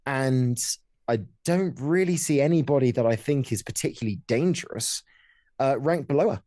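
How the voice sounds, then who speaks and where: Male sports podcast host, medium pitch, conversational commentary, recorded dry. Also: normal speed, dark tone, dry recording.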